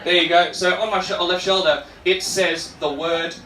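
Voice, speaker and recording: An Australian man with an Australian accent performs stand-up to an audience at a live comedy venue, informal and sweary, bantering with the crowd in asides. His high voice is bright and forceful, with little pitch movement and a normal speed. A distant microphone picks him up in an echoey, noisy room.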